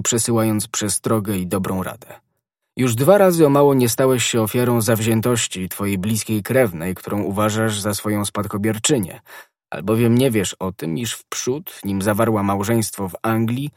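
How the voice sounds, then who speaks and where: A man voicing a refined, self-assured poet musketeer in an audiobook, speaking gently and slowly with stress on each phrase. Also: on the low side, dry recording, clean studio sound, close to an everyday voice. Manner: gentle, measured, emphatic reading.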